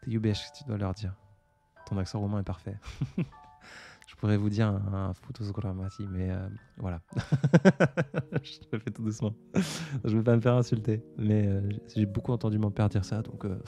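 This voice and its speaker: A man's voice: lowish voice, moderate pace, pauses often, dark tone, faint music behind. A man in his twenties hosting a casual live stream, answering viewer comments in a hesitant, reflective way with many fillers. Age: 20s. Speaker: livestream host.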